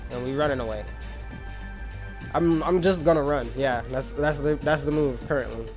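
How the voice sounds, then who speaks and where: A man's voice: medium pitch, normal speed, darkish tone, soft background music. A man doing casual, slangy gameplay commentary as a let's-play host, thinking aloud. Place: voice-over with game sound and music behind.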